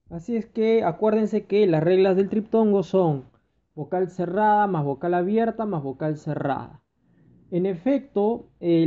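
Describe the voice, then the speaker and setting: A male teacher with a high voice explains grammar exercises patiently, pausing often to check that his students follow. The sound is thin and tinny, like a phone line. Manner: addresses students fondly, checks understanding with repeated "ya". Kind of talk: recorded grammar lesson.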